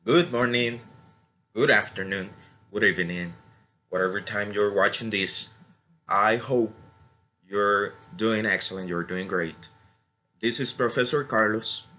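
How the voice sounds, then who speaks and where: Bright-toned teacher. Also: male voice, fairly low pitch, slow pace, pauses often. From Costa Rica. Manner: switches between English and Spanish, models words for repetition. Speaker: English teacher. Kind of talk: screen-recorded tutorial.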